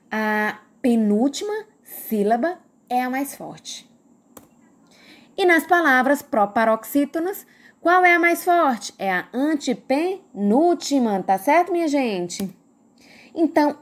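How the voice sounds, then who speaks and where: A woman with a Brazilian Portuguese accent teaching a recorded grammar lesson, patiently stretching out words and asking the class questions. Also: fairly high pitch.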